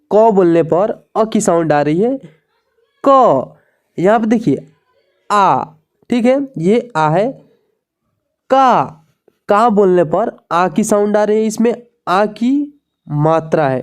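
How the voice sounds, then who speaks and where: A woman's voice: mid-range voice, darkish tone. A woman teaching the Hindi alphabet in an online lesson, reading letters aloud one by one and often checking in with her viewers. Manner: slow and deliberate, keeps asking "ठीक है दोस्तों".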